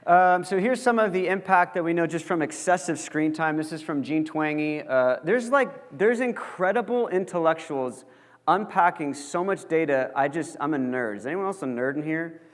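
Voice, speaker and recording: A man's voice: fairly high pitch, moderate pace. A young man giving a casual lecture to college students, chatty and joking, full of fillers. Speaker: guest lecturer. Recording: long reverb of a large hall.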